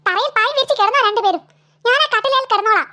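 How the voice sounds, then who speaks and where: A woman's voice: extremely high pitch, quick pace, bright, forceful tone. A woman voicing a tired, scolding mother of two girls in a cartoon. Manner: nagging, exasperated scolding.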